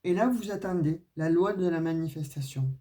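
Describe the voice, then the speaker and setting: A mellow, low-pitched woman talks at a moderate pace while doing a casual tarot and oracle card reading. She has a regional French accent that isn't Parisian, chats directly with her viewers, and fills her sentences with "euh" and "hein."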